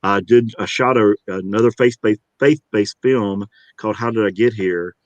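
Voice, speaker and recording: A man's voice: fairly low pitch, normal speed, no room sound, lo-fi sound. A middle-aged man, an actor, talking in an interview in a rambling, upbeat way with many restarts. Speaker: actor and guest. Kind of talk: interview conversation.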